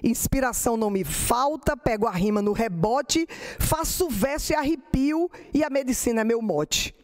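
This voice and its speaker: A middle-aged woman with a Brazilian Portuguese accent, a lecturer and poet who explains verse forms and recites her own poems slowly. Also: on the high side, lively intonation, darkish tone.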